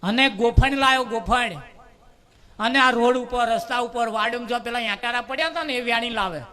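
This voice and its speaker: High, bright storyteller. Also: male voice. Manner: lively storytelling with drawn-out word repetition. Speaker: devotional storyteller at a bhajan gathering. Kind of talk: humorous spoken parable.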